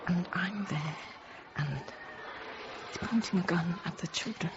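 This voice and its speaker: With a fairly low-pitched female voice, a radio drama actress in her 30s narrates, stunned and hushed, as a frightened young Parisian nursery teacher giving a controlled account of a siege. Her intimate first-person monologue is halting and fragmented, often sinking to a hush, and the recording is dull and noisy.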